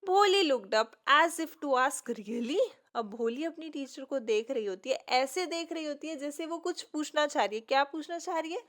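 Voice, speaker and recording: A woman teacher explaining an English story line by line, reading each line slowly and then explaining it in Hindi. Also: high-pitched, lively intonation, fairly bright tone.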